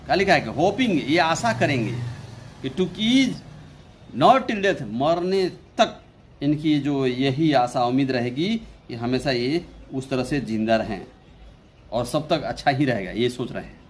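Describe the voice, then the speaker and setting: Speaking at medium pitch with animation, a young Indian English speaker explains an English poem in Hindi. He goes slowly, repeats phrases, and reads the English verses very slowly, with slight background noise present.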